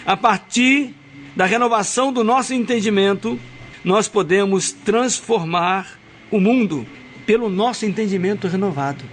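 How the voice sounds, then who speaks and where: A man preaching a sermon, swinging from hushed, slow passages to loud, high shouts, and reading scripture slowly. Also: a little hiss or hum. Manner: reads scripture aloud slowly. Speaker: pastor.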